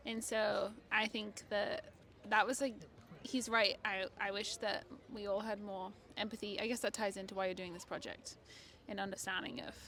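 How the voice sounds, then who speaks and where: Young English woman interviewee, crisp and sharp tone, chatty street-talk delivery. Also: mid-range voice. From northeast England. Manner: chatty, laughing, lots of "like". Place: city street outdoors.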